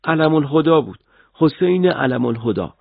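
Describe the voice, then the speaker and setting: A terrified young man under interrogation, voiced by a male narrator in a raised voice begs and stammers denials. The voice is husky and swings widely in pitch. The recording sounds dull, dry and lo-fi. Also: animated, dry recording. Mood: confessing. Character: frightened young male detainee, pleading.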